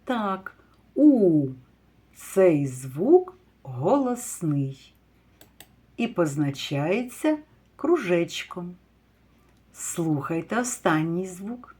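Woman, kindergarten teacher; lively pitch, very slow, deliberate sounding-out. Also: slightly rough. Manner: slow, drawn-out word sounding with praise and questions. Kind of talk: phonics lesson for young children.

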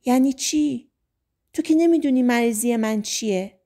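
A woman voicing a shy, wary teenage girl who speaks quietly and hesitantly in an audiobook. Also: fairly high pitch, close to an everyday voice.

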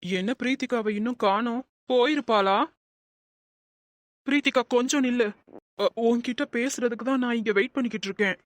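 A woman voicing a remorseful young husband in an animated cartoon, talking in an earnest, pleading way. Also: fairly high pitch, normal speed, pauses often, no echo, close to an everyday voice.

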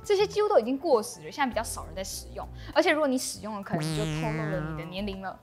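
Speaking rapid-fire with big swings in pitch, this young adult host of an explainer channel has a mid-range voice and a Taiwanese accent. She presents her script to camera from a small room, wearing a lapel mic while music plays in the background.

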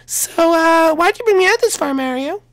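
Man doing a gushing falsetto Princess Daisy. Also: expressive, normal speed, fairly bright tone, heavily acted. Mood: sweet. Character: sweet, gushing young princess, thrilled girlfriend. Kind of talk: improvised game role-play for online video.

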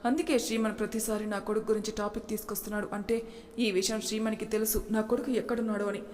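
A woman's voice: medium pitch, flat delivery, fast talker, darkish tone, close to an everyday voice. A woman reading as a desperate young mother in a storybook, pleading and tearful. The delivery stays fairly level. There is a long echo and a faint hiss behind it. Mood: accusing. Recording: reverberant room with faint noise.

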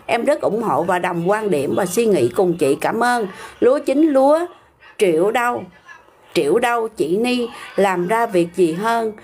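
A woman's voice: medium pitch, a little mellow, a little hiss or hum. An older woman with a Southern Vietnamese accent, hosting a casual livestream, talking back bluntly and argumentatively to viewer comments.

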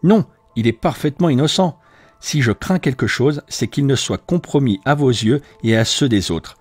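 A man's voice: mid-range voice, lively intonation, normal speed, a little mellow, husky, no room sound, soft background music. A man voicing an anxious middle-aged widowed landlady who speaks in a troubled, pleading way.

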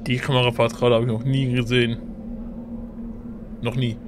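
Man, mid-pitched, casual let's play commentary, short muttered remarks, heavy noise behind. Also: level tone, normal speed. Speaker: gaming let's player.

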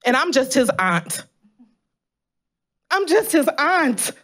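A woman's voice: high voice, sing-song, slow, fairly bright tone. A woman in her thirties reading a prepared statement at a city council meeting, speaking earnestly and emotionally, at a podium microphone in a large chamber. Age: 30s. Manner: earnest, pleading, emotionally charged. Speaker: public commenter at city council. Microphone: podium gooseneck microphone.

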